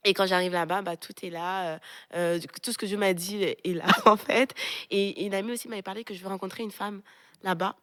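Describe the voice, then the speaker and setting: Fast-talking French woman telling a story. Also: mid-range voice. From France. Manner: lively, animated retelling with quoted voices and laughter. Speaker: pastor and co-host. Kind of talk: casual storytelling conversation.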